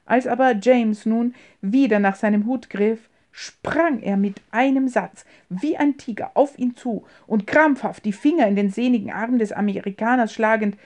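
A woman reading a classic novel aloud as narrator, in a steady storytelling way. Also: a little high, normal speed, few pauses. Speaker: audiobook narrator. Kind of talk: scripted narration.

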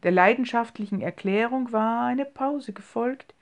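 A woman narrating a story in a measured reading voice, hushed at times. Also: on the high side. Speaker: audiobook narrator. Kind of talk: scripted narration.

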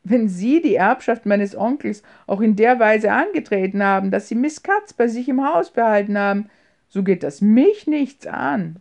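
A woman voicing a brash, scornful American heir in an audiobook reading, loud and mocking, with English words mixed in. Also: a little high, expressive, normal speed, vocal fry. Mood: menacing.

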